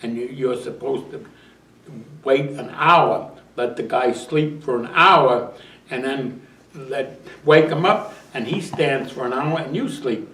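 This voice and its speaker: A man's voice: mid-range voice, takes it slowly, a bit bright, reverberant, distant mic, poor audio. An older man, a veteran, telling his memories in a rambling oral history interview, often restarting and chuckling. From United States.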